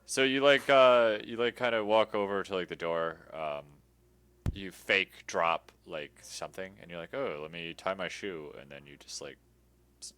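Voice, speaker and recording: A man's voice: low-pitched, normal speed, fairly bright tone, clean tone, no echo. A man running a tabletop game as game master, narrating loosely with lots of fillers and laughs.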